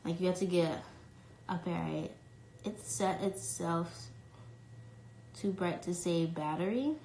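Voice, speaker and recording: A young New York woman with a light accent answers fan questions in a casual phone livestream Q&A, reading comments aloud and filling her chatty speech with "like" and "um." Her voice sits on the low side, steady, slow and a little mellow. Held at arm's length, the phone picks up an echoey room and slight background noise, making for a rough recording.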